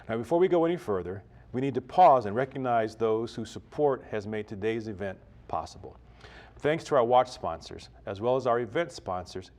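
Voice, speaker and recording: A man's voice: mid-range voice, darkish tone. A man hosting an awards ceremony, opening with a prayer and reading out sponsors in a formal manner. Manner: formal, reads sponsor list. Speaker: ceremony emcee.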